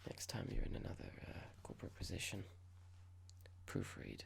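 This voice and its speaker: The performer's voice stays close to an everyday one while whispering as a cold, self-satisfied corporate boss in an ASMR roleplay. Delivery is slow and deliberate, breathy and creaky, with mocking politeness and a smug, condescending air.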